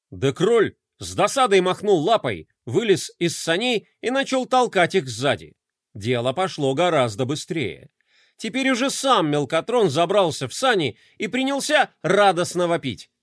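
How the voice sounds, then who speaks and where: A man reads a children's storybook aloud with animated, expressive delivery. His voice is high and swings widely in pitch. The recording is dry and close, with no room sound. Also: no echo. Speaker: narrator.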